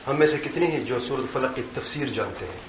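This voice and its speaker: A man's voice: medium pitch, animated. A man giving an interactive religious talk, quizzing and teasing his audience. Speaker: Islamic lecturer. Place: lecture hall with a live audience. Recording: echoey hall with faint room noise.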